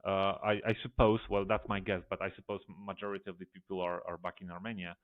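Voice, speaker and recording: Low-voiced man on a tinny line. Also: quick pace, no room sound. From Poland. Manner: stammering repeats, animated questioning. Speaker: podcast host. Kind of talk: casual interview conversation. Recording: tinny phone-like call line.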